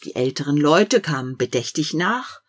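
A woman narrating a fairy tale slowly and expressively, swinging between hushed passages and loud, lively ones. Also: low voice, slightly rough. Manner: slow, expressive storytelling with wide swings between hush and loud.

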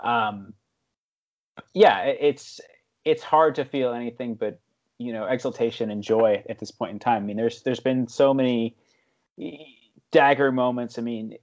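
A man's voice: mid-range voice, a little slow, darkish tone, muffled recording. A man talking football as a podcast panelist, thoughtful and hesitant with many fillers. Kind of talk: casual podcast discussion.

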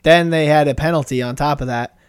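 A man's voice: fairly high pitch, a little fast, smooth, no room sound, clean studio sound. A man co-hosting a fantasy football podcast, explaining plays at length in a casual chat. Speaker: podcast co-host.

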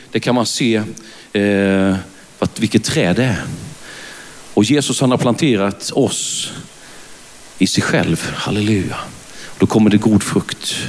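A man with a Småland accent from Värnamo, preaching a fervent sermon in church and often calling out hallelujah. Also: medium pitch. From Sweden. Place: church at a conference service.

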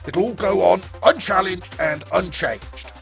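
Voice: mid-range voice, measured pace, creaky, faint music behind. A tabletop role-play player speaking in character, rhetorical and speech-making.

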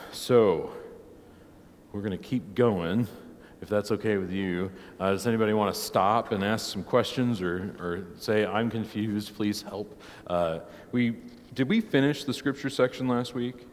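A man who preaches, teaching a church catechism class in a relaxed, conversational way, heard with a long church echo. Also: fairly low pitch, slight background noise. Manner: conversational, tags many points with "right?". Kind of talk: informal church class teaching, opening with prayer.

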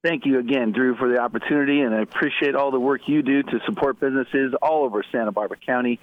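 A man's voice: mid-range voice, quick pace. Male interview guest, middle-aged, conversational, thin phone-like sound with no room echo. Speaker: interview guest, tourism executive. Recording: narrow, tinny phone-like line.

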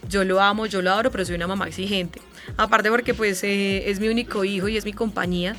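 A woman in her thirties with a Colombian accent, a radio host telling a personal story in an interview, animated and vivid. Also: mid-range voice, fast, soft background music. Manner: animated storyteller, imitates sounds and voices.

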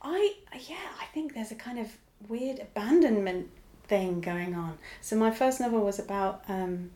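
A woman's voice: medium pitch, expressive, normal speed, mellow, echoey room. A woman who writes novels, talking casually and laughing often as she makes fun of herself. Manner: laughs often, self-deprecating. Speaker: novelist guest. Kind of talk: casual conversation.

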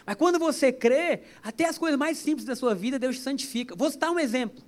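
A man's voice: very high voice, lively intonation, quick pace. A man preaching a sermon to a church service, chatty and joking, with stories woven in. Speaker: pastor.

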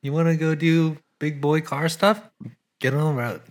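A man's voice: a little high, fairly even intonation, moderate pace. A man co-hosting a casual chat, mostly listening with short encouraging replies. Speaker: podcast co-host.

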